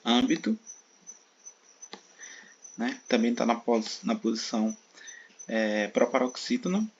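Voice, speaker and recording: Brazilian-accented man, exam-prep teacher, gravelly voice, patient explanations, dull recording with faint crickets. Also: mid-range voice, animated, moderate pace, slight background noise. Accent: Brazilian Portuguese. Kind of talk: exam-prep video lesson.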